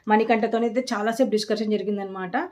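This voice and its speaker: A woman's voice: mid-range voice, fairly even intonation, quick pace, a little mellow. A woman, chatting casually and with strong opinions as she recaps a reality show for her vlog. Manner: chatty, opinionated, frequent restarts and fillers.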